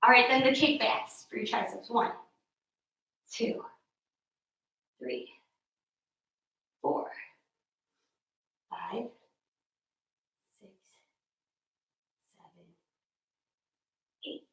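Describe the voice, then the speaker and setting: A fitness instructor leads a home workout in a mirrored room, her slightly high, fairly bright, gravelly voice moving extremely slowly with frequent pauses. She counts reps aloud and tosses in chatty, joking asides between sets, captured from a distance with a roomy echo.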